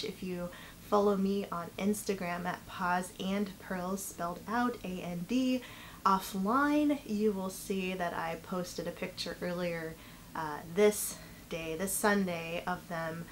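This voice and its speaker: Young woman, medium pitch, casual hobby vlogger, gum-chewing slightly mushy speech, indoor room with background noise. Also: slow, low-quality recording. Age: young adult. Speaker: knitting vlogger and host. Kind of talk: casual chat to camera. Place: indoor living room, seated by a couch.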